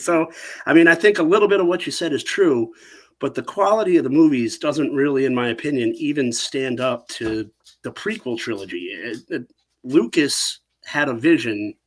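A man in his thirties co-hosting a casual talk show, blunt and opinionated, often trailing off quietly at the ends of thoughts. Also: medium pitch.

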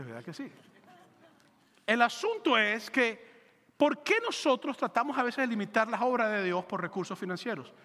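A man preaching a sermon as pastor, animated and joking, acting out quick voices for biblical characters. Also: sits high, big-room sound.

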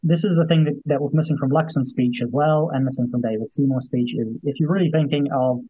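Husky guy talking politics, kinda halting, repeats himself, dull lo-fi dry sound. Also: medium pitch, mellow, dry recording. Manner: hesitant, repeats phrases. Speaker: political columnist, guest. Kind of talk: conversational political commentary. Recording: dull, lo-fi remote audio.

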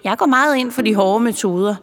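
A woman voicing a sly male Christmas elf who teaches mischief, gleeful and cackling, drawn out and slow. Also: on the high side, close to an everyday voice. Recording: long reverb with music behind.

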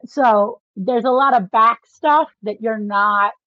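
This co-host's voice leans high, and she takes her time while discussing a book informally, sharing explanations with fan-like enthusiasm. Expect a dry, mildly dull recording.

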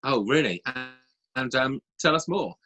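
A man with a husky voice hosting a casual, chatty podcast. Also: medium pitch, animated, normal speed, pushed and bright, soft background music. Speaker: podcast host. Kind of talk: casual chat.

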